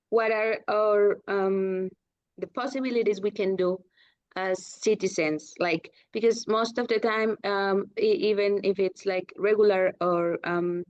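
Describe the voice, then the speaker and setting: A woman's voice: medium pitch, a little mellow, dry recording, dull audio. A young woman in a webinar discussion, searching for words with frequent restarts and fillers. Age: young adult. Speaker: webinar participant. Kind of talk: discussion on a video call.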